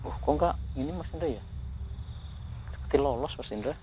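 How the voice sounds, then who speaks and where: A man hosting a ghost-hunting video, talking in a hushed voice outdoors at night, often murmuring prayers and speaking to his companion. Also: medium pitch, expressive, brisk, background noise. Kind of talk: hushed on-the-spot narration. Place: outdoors at night near a ravine.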